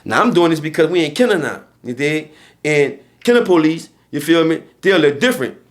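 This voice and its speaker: A young man with a New Orleans accent tells a story as a podcast guest, his voice fairly high, expressive and a little fast. He talks in casual streetwise slang and keeps dropping "you feel me."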